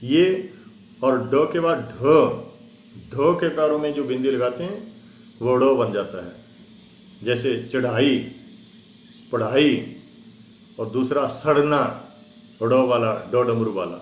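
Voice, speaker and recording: A man teaching a Hindi grammar lesson, explaining slowly with many fillers and spelling sounds out one by one. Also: mid-range voice, a little hiss or hum. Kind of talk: spoken lesson. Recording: roomy echo.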